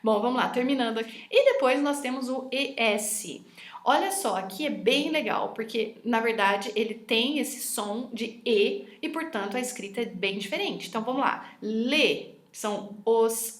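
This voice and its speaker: Chatty lady teacher, kinda high voice, echoey room. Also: a little slow, a bit bright. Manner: chatty and enthusiastic, often ends with "tá?". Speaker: French teacher. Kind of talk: online lesson over slides.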